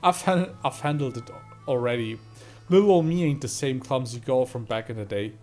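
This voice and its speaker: A man's voice: mid-range voice, moderate pace, darkish tone, faint music behind, lightly acted. A man voicing a laid-back, tired female veteran trucker in a game, reading her lines in an easygoing, self-deprecating way. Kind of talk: reading game dialogue aloud.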